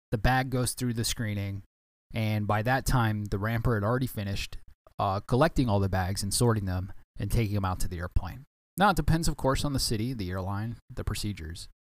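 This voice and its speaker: A man with a fairly low voice talks through a casual solo podcast episode, looping back and correcting himself as he goes. He sounds a little tired, and the recording is dry and close with no room sound. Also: dry recording. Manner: rambling, many restarts and self-corrections. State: tired, yawning. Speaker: podcast host, former baggage handler.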